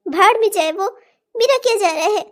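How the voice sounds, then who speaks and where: A woman's voice: very high voice, lively intonation, moderate pace. A woman voicing a proud rich young daughter in a cartoon, brooding and questioning herself. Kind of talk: cartoon voice acting.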